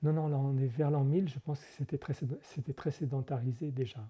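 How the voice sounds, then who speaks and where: A monk with a medium-pitched, steady, mellow, husky voice speaks at a quick pace in a conversational interview. He explains things carefully but hesitantly, using frequent fillers and correcting himself as he goes.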